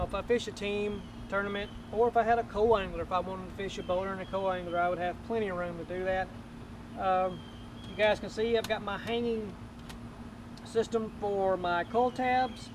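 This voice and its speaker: A middle-aged man hosting his fishing channel, giving a casual, rambling tour of his boat outdoors with lots of ums and uhs. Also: high-pitched. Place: outdoors beside a boat on a lawn. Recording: noisy outdoor camera audio.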